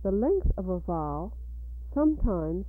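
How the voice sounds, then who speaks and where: A woman reading a scripted linguistics lesson in a measured, deliberate way, heard on an old tape recording. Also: lowish voice, very animated, narrow, tinny audio, slight background noise. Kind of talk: scripted educational narration.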